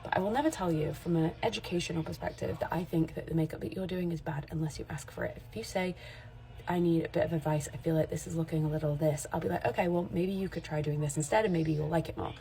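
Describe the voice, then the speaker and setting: A woman's voice: deep voice, fairly even intonation, quick pace, gravelly, dark tone. A woman in her forties, a makeup artist, talking candidly and rambling a little in a casual vlog straight to camera. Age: 40s. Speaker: makeup artist and content creator.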